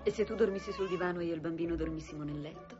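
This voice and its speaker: An actress dubbing a soft-spoken, worried young mother. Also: lowish voice, rapid-fire, close to an everyday voice. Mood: calm. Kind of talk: dubbed film acting. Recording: dull dubbed film audio with faint music.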